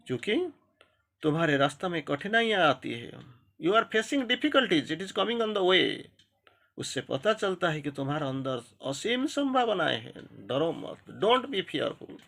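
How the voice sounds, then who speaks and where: Male spiritual speaker, Odia-tinged Hindi, bright raspy tone, exhorting and repetitive. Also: fairly high pitch. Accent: Odia-influenced Hindi. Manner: exhorting, repetitive, mixes English maxims into Hindi. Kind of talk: motivational spiritual talk.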